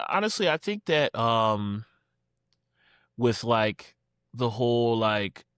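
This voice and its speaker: A man from Philadelphia chats as a guest, loose and unhurried, with plenty of "like" and "you know" and quick acted-out quotes. His voice sits in an ordinary middle register. The sound is close and dry, with no room around it. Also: mid-range voice, smooth, no room sound. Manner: relaxed, lots of fillers, acts out quotes. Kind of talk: casual conversation.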